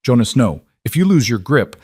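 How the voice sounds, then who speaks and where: A man's voice: mid-range voice, very animated, moderate pace, darkish tone, slightly rough, no echo. A man voicing a brave young pregnant wife, urgent and pleading with her husband.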